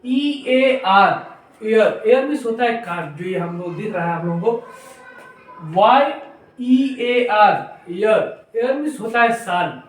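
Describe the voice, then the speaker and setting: A man teaching an English grammar lesson at a whiteboard, his voice fairly high. He spells each word out letter by letter before explaining it at an unhurried pace. He sounds a little distant from the camera, and the bare room adds heavy echo. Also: expressive. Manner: spells words out letter by letter, then explains slowly. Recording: very echoey room, voice off-mic.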